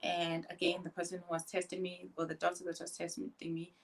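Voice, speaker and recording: A woman vlogger chatting casually to her viewers, halting often between short phrases. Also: fairly low pitch, completely flat delivery, vocal fry. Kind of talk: casual personal chat to viewers.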